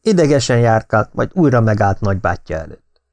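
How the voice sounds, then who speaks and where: A man reading an audiobook novel in calm, measured narration. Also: on the low side. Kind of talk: scripted narration.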